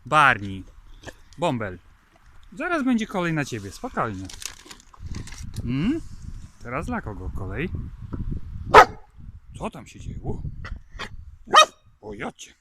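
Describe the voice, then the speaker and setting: A man's voice: a little high, huge pitch swings, takes it slowly, long pauses, heavy background noise. A man on a farm coaxing his dogs, calling them by name and giving them commands while he feeds them. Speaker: dog owner feeding his dogs. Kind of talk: casual talk while feeding dogs. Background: dogs and clicks.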